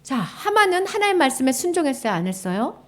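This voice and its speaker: A woman preaching a children's sermon, telling the story with lively questions to the kids and sometimes dropping to a whisper. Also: high-pitched, fast talker.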